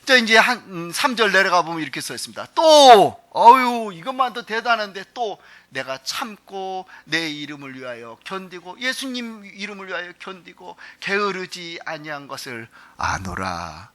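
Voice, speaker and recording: A man preaching a sermon as pastor, telling stories with animated delivery, acting out quoted voices and dropping to hushed tones. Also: high-pitched, normal speed, hardly any pauses.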